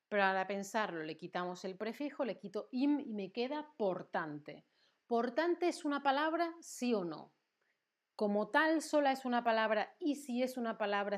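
Slow, patient teacher woman. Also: medium pitch. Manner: patient, slow, repeats words to drill them. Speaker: Spanish teacher. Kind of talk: livestream grammar lesson.

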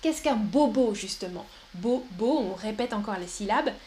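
A young woman teaching a live-stream language lesson, speaking slowly and clearly and repeating words for her viewers. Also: mid-range voice, expressive, a little mellow, a little hiss or hum. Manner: slow and clear, repeats words, puts on a babyish voice for examples. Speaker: French teacher.

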